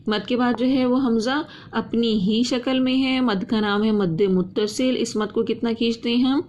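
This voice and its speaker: A woman teaching Quran reading, who drags out each word twice in slow recitation, then explains quickly, asking and answering her own questions. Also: fairly high pitch, fairly even intonation, a little mellow, highs cut off.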